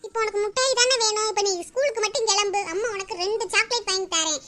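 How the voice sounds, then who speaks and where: A woman's voice: very high-pitched, steady tone, quick pace, fairly bright tone. A woman playing a young mother, coaxing and scolding her child.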